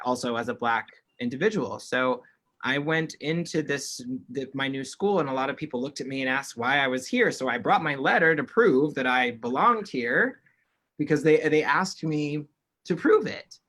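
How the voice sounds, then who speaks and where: This sign language interpreter has a mid-range, bright, forceful voice. He steadily relays a panel's signed remarks in the first person through an online call mic, frequently breaking off and restarting a phrase partway through a sentence.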